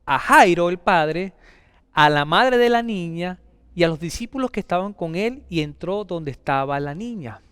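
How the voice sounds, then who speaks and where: Emphatic high-voiced male preacher. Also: lively intonation, normal speed, smooth, no room sound, in a large hall. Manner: emphatic, repeats key phrases with swings of pitch and loudness. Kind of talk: sermon.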